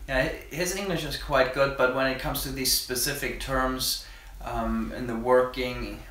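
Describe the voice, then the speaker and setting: A young man hosts a casual interview, asking relaxed, halting questions in an ordinary mid-range voice. The room is strongly echoey and the camera sits far off, with a faint hiss behind him. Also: medium pitch. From Germany. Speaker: interviewer, channel host. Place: living room by a tiled stove.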